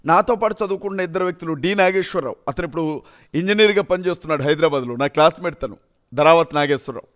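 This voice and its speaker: High-voiced man giving an emotional testimony. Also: quick pace. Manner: earnest, emotional storytelling. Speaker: testimony speaker. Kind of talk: personal testimony.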